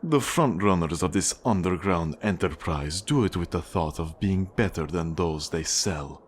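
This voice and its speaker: A man with a husky low voice and a Russian accent voices a cold, manipulative mafia boss for an ASMR roleplay. He sounds measured, condescending and menacing, with a cold, lecturing mood. A little hiss or hum sits under the recording.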